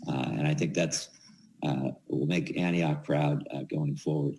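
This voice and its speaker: A man giving informal ceremonial remarks as an official, halting and repeating words as he goes. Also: rumbling low, fairly even intonation, warm tone, low-quality recording. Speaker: official speaking at swearing-in ceremony.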